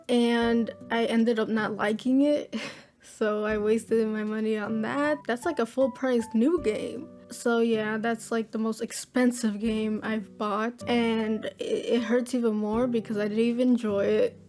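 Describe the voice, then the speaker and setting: A woman's voice: fairly high pitch, darkish tone. Chatty woman in her twenties. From Florida, USA. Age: 20s. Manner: chatty, upbeat, slangy. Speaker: gaming YouTuber. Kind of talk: casual Q&A vlog. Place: at home at her computer.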